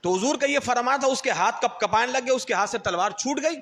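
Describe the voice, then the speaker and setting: A man's voice: extremely high pitch, fairly bright tone, big-room sound. A man preaching a sermon, telling stories and acting out quotes and other people's mannerisms. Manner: storytelling, acts out quotes and mocks others' styles. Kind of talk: Urdu sermon.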